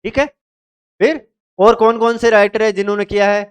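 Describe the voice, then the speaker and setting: A man's voice: high voice, fairly even intonation, normal speed, clean tone. A male teacher from India giving an exam-prep literature lecture, asking questions and answering them himself, repeating key terms.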